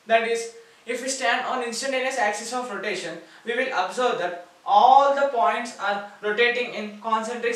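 A man with an Indian English accent and a very high, fairly bright voice gives a whiteboard maths lecture, explaining step by step and repeating key words. He's far from the mic in an echoey room.

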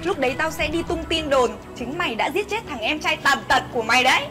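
A woman's voice: high-pitched, lively intonation, fast talker. A woman acting a scornful, arrogant young wife who betrays her husband, in a web skit drama. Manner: sneering, arrogant. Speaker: actor. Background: background music.

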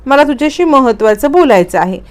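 Woman reading a gentle caring dad in a story recap, smooth clear voice. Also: high-pitched, lively intonation, fast talker, pitched above the performer's own voice. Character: calm caring husband and father. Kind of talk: read-out dialogue in a story recap.

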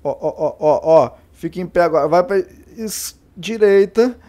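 A young man with a Brazilian Portuguese accent giving let's-play commentary, raging and frustrated, swinging between muttering and shouting. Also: high-pitched, normal speed. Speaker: gaming youtuber.

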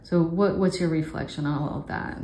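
A woman with a low voice asks her questions casually, with plenty of "like" and "um" along the way. She is heard in a roomy space. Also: fairly even intonation, fairly quick, mellow, a little hiss or hum. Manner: casual, filler-heavy phrasing. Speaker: interviewer.

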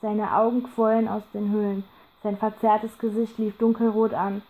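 A woman narrating a horror audiobook in a calm, measured storytelling voice. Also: medium pitch, rough recording.

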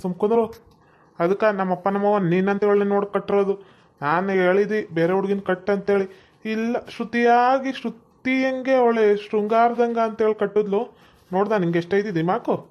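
A woman's voice: medium pitch, fairly even intonation, fast, muffled recording, natural voice. Woman playing an exasperated young husband. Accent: North Karnataka Kannada. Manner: snappy, exasperated scolding. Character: irritated young husband, short-tempered. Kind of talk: comic family skit.

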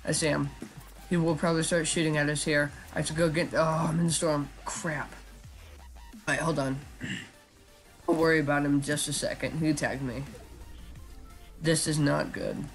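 A man giving casual live commentary while he plays a shooter game, talking in a flat, chatty way with lots of ums. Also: a little high, moderate pace, gravelly, long pauses, soft background music. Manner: self-described monotone, chatty, with frequent ums. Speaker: gaming YouTuber.

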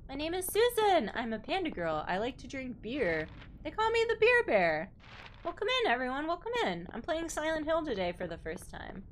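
A woman's voice: sits high, wildly swooping pitch, normal speed, a little hiss or hum. A woman livestreaming a video game and chatting casually in a cute, bubbly anime streamer manner. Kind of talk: casual livestream chat while gaming.

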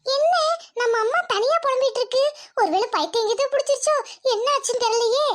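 A woman's voice: very high voice, fast. A woman voicing a pert, impatient young village daughter in a cartoon, brushing off her mother. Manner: impatient, dismissive.

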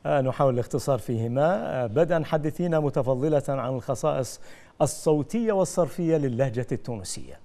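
Brisk man hosting an interview. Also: medium pitch, lively intonation, dark tone. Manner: brisk, courteous questioning with short backchannels. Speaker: host.

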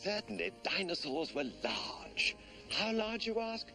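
A man's voice: high-pitched, animated, unhurried, vocal fry, sharp tone, soft background music, exaggerated voice. A man narrating a mock nature documentary in a pompous, portentous manner.

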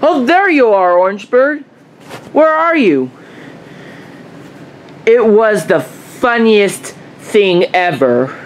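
Excitable woman voicing toy characters. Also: mid-range voice, slow pace, few pauses, a little hiss or hum. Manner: lively, excitable, exaggerated. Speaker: home video creator voicing characters. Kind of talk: playful character voices for a toy video.

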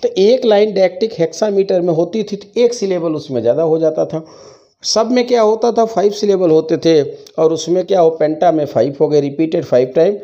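A man's voice: high-pitched, mellow. A man teaching English literature in a classroom lecture, mixing Hindi and English and answering his own questions. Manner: dictates slowly, repeating key phrases. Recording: dull lo-fi classroom recording.

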